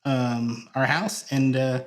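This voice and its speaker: Slow and flat at medium pitch, this man speaks as a podcast guest in a casual interview. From Hawaii and working as a church video director, he tells rambling stories, restarting often and leaning on fillers.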